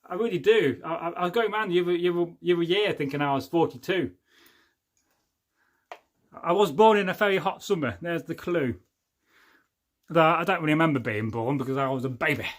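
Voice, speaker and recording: With a voice a little higher than the average man's, a fortysomething host from England reads viewer comments on a casual livestream. He's jokey and rambling, often losing his thread, and talks a little fast with frequent pauses.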